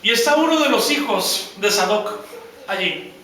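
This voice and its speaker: A man's voice: sits high, animated, a little slow, far from the mic, crowd noise. A male pastor preaching a sermon, retelling a story with emphasis and often repeating or restarting words. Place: church hall. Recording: echoey hall, preacher away from mic.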